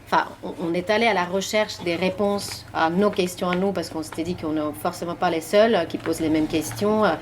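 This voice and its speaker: With a lowish voice and a steady tone, she speaks fairly quickly and with hardly any pauses, with a little hiss or hum in the recording. She is a Finnish author and journalist in her forties being interviewed at a library meeting room, answering in accented French, her second language, with frequent fillers and restarts.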